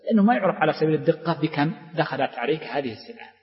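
A man's voice: fairly high pitch, animated, very fast. A middle-aged man with a Saudi accent, teaching a jurisprudence class and explaining step by step while quizzing his students. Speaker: Islamic law teacher. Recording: dull reverberant lecture hall recording.

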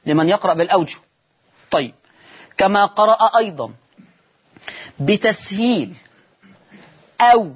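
A man's voice: high voice, husky. A man with an Egyptian accent teaching Quran recitation rules on TV. He demonstrates each reading and poses questions he then answers himself. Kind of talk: televised recitation lesson. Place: TV studio.

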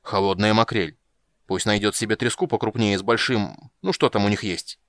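A man's voice: on the low side, moderate pace, fairly bright tone, no room sound. A man voicing a hot-tempered, lovesick prince who barks orders. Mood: blustering. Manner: blustering, barking orders.

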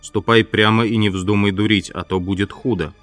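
A man's voice: on the low side, steady tone, moderate pace, fairly bright tone, no room sound, faint music behind, natural voice. A man voicing a menacing invisible man who gives curt, threatening commands, in an audiobook.

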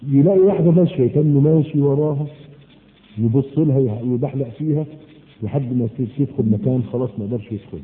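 A man preaching a sermon in Egyptian colloquial Arabic, switching between lively everyday talk and slow, drawn-out recitations. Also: medium pitch. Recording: echoey hall, tinny phone-like sound.

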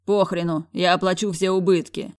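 A woman reading as a gruff, rude man. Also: lowish voice, flat delivery, normal speed, a little mellow, no echo, clean studio sound, lightly acted. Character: crude, short-tempered man in a crisis.

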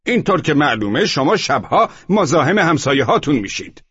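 A man putting on a barking, high-strung police chief. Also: very animated, slightly rough, dry recording, exaggerated voice. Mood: scolding. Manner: shouting, hectoring, suspicious. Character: loud, brusque middle-aged male police chief. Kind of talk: audiobook character voice. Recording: muffled lo-fi audio.

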